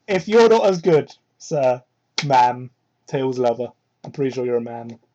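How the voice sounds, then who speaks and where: With lively intonation and a measured pace, this man reads fan fiction aloud in mock-dramatic style, breaking in with sarcastic, disbelieving remarks and theatrical stress. He's a host recording on a cheap mic, so the sound is muffled and low-grade, and background noise can be heard.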